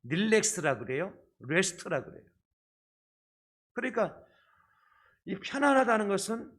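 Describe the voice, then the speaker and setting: A male pastor delivers a sermon with his voice coming through a face mask. It sits a little high for a man. He explains patiently to the congregation, checking in with short rhetorical questions. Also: a bit bright. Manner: speaking through a face mask, slightly muffled. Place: church service.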